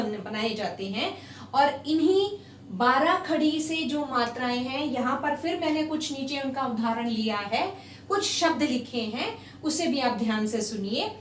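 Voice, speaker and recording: A woman's voice: high-pitched, fairly bright tone, slight background noise. A woman teaching a Hindi lesson, drawing out each syllable and mixing in English words. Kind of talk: slow online Hindi lesson. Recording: echoey room, slightly far from mic.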